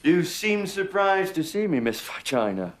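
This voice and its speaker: A man's voice: high-pitched, big pitch swings, unhurried. A man playing a goofy, flirtatious swinging-sixties British spy with an English accent, joking playfully. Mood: cheeky. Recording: film soundtrack with clear music behind.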